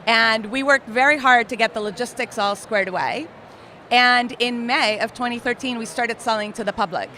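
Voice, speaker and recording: A woman's voice: on the high side, moderate pace, pushed and bright, a little hiss or hum. A woman in her thirties from Costa Rica, a company co-founder, explaining things in a friendly way as an interview guest. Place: outdoor festival booth.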